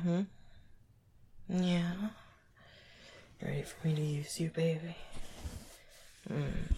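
Guy whispering real slow, gravelly and low-key, lots of soft murmurs. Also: background noise. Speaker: performer of an audio roleplay. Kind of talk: intimate whispered audio roleplay.

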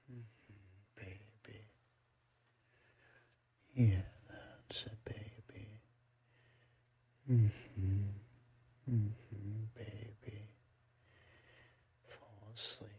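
A man murmurs in a breathy half-whisper, gentle and affectionate, as if lulling someone to sleep. His low voice is gravelly and husky, and he drawls each word very slowly on an almost flat pitch. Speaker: boyfriend roleplay ASMR performer. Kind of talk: ASMR roleplay, soft and soothing.

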